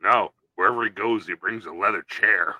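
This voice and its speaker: A man's voice: fairly low pitch, moderate pace, pushed and bright, dry recording. A man co-hosting a podcast, riffing in casual comedic banter and slipping into silly put-on voices. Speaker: podcast co-host.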